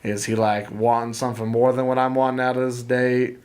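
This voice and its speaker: A teenage boy co-hosting a student podcast in casual chat, rambling and jokey, with sudden jumps in pitch. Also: monotone, a little fast, a little mellow, clean tone. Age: late teens.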